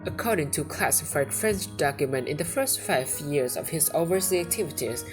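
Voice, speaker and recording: A young woman with a Vietnamese accent reads a scripted school project narration, playing a tour guide. Her voice is notably low for a woman and her delivery careful and read-aloud. Clear music plays behind her. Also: animated, normal speed. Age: young adult. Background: background music.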